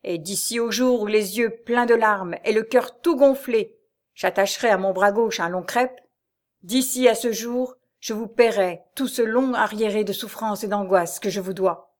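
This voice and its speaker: Une femme qui lit un livre audio et prête sa voix à un mari vengeur, moqueur et froidement ironique. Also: female voice, medium pitch, moderate pace, lightly acted. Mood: sarcastic menace. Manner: mocking, cold and ironic. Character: sneering vengeful husband, a grown man. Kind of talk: audiobook reading of a serial novel.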